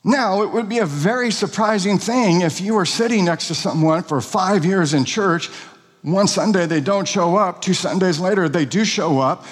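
A man's voice: sits high, moderate pace, long reverb tail. A pastor preaching an expository sermon, earnest and emphatic, asking rhetorical questions of his congregation.

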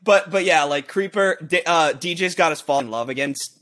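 A young man chatting casually on a podcast, rambling and excitable, swearing and breaking into shouted quotes. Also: on the high side, brisk, a little hiss or hum. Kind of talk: casual chat.

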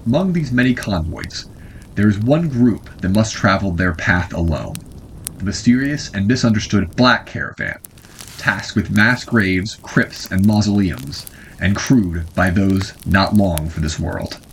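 A man's voice: sits low, lively intonation, a little slow, slight background noise, poor audio. A man hosting an audio horror show, giving a scripted, welcoming introduction. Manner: welcoming, announcing. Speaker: show host.

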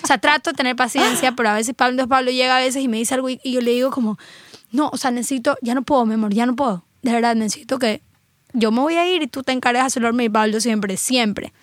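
Casting note: woman, thirties, high bright voice, lively storyteller, close dry mic. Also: quick pace, dry recording. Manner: chatty, animated storytelling. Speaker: guest. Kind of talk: casual chat.

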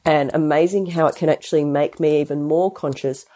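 A woman's deep, mellow voice moves fairly quickly with fairly even intonation as she hosts a casual solo podcast. A health practitioner with a stuffy head cold, she chats and rambles, restarting and going off on asides.

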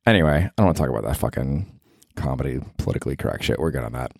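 A man's voice: a bass voice, lively intonation, very fast, gravelly, a little mellow, no echo, studio quality. An American man hosting a solo comedy podcast in casual chat, profane, rambling and self-mocking. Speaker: podcast host.

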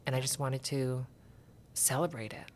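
A woman's voice: very deep voice, moderate pace, slight background noise. A woman from Canada, a bubbly guest who laughs often in a casual podcast interview.

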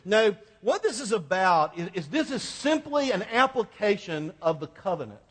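A man's voice: sits high, sing-song, moderate pace, a bit bright, breathy edge. A man delivering a sermon to a congregation in a colloquial, conversational way, repeating phrases for emphasis. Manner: emphatic repetition for effect. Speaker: preacher. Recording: echoing hall, long reverb.

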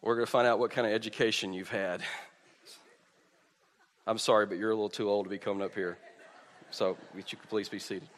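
A male pastor speaking into a pulpit microphone during a sermon, halting and repeating words, with joking asides while leading children through an object lesson. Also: fairly low pitch, fairly even intonation, long reverb tail. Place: church sanctuary.

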